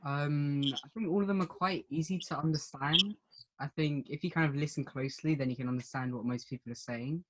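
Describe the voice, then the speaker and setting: A British man from the United Kingdom answering questions in a casual group video chat, pausing often with ums. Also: on the high side, heavy background noise. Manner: hesitant, many pauses and ums.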